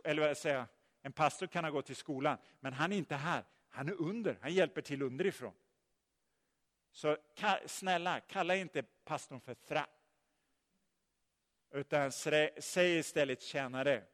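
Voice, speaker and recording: Preaching man in a reverberant hall. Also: fairly high pitch. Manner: lively storytelling, asks the listeners questions. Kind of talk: sermon.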